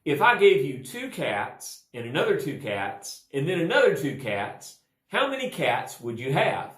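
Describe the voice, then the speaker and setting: A man voicing a schoolteacher who grows exasperated with a pupil, his voice pushed higher. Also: very animated, unhurried. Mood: patient. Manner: rising to a high exasperated pitch. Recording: roomy echo.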